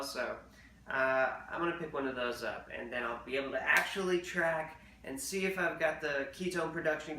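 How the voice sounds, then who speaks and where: A man's voice: mid-range voice, sharp tone, distant mic, slight background noise. A man rambling casually through a diet update vlog, with lots of fillers and restarts. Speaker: vlogger. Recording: roomy, off-mic with faint ambience.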